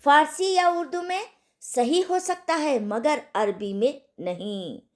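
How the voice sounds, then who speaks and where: Woman, online recitation lesson, fairly high, very slow, repeats each sound. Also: darkish tone. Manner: asks the class if they understood. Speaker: Quran recitation teacher.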